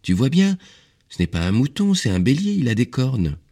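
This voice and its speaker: A man's voice: sing-song, moderate pace, vocal fry, warm tone. Man putting on an eager little boy prince. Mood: curious. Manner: eager, pleading, high childlike tone. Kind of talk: audiobook reading.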